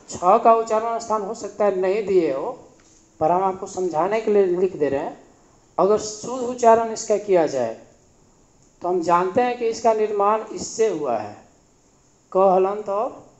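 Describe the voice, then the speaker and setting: A man with a fairly high voice teaches grammar at an unhurried pace. He repeats each sound patiently and asks the listener to say it back, like a classroom lesson. The recording is echoey and a little dull. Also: lively intonation, a little mellow.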